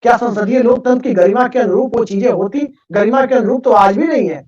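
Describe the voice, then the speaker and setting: A man's voice: extremely high pitch, fairly quick, a little mellow. A man commenting on politics on a panel, arguing his case and quoting proverbs. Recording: distant, dull lo-fi sound.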